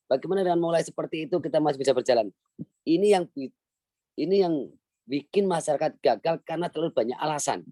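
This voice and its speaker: A man's voice: medium pitch, mellow, no echo. A middle-aged man giving an emphatic talk on a video call as a webinar guest speaker, often repeating his key phrases.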